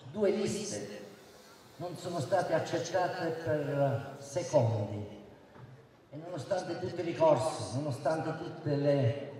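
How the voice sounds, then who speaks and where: Booming, slow-paced man orating at an echoing rally. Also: warm tone. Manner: booming, declamatory public oratory. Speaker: mayoral candidate. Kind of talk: political rally speech. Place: outdoor town square rally. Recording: echoey distant PA with crowd, faint noise.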